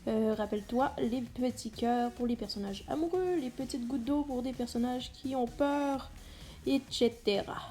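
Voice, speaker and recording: Her voice slightly high and mellow, a teacher moves at normal speed through an explanatory lesson in an instructional video. She talks directly to students and gives key words extra stress.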